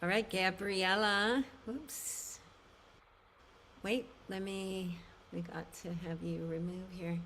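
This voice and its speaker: A woman hosting and moderating an online group call, gently calling on participants. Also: medium pitch, steady tone, takes it slowly, slight background noise. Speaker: call host and facilitator.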